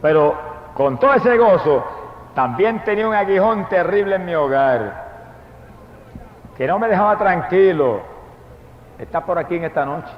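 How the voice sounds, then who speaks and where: An older man with a Puerto Rican accent preaching a fervent testimony sermon, breaking into shouted praise. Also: high voice, expressive, moderate pace, long pauses, a little hiss or hum. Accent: Puerto Rican Spanish. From Puerto Rico. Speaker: evangelist preacher. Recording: echoey hall, dull lo-fi recording.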